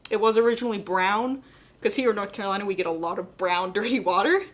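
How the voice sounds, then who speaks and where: A woman's voice: medium pitch, fast. A young adult woman with a slightly cracking voice, teaching a live painting demonstration in a casual, chatty way. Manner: casual, chatty explaining with many "like" and "kind of". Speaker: painting instructor.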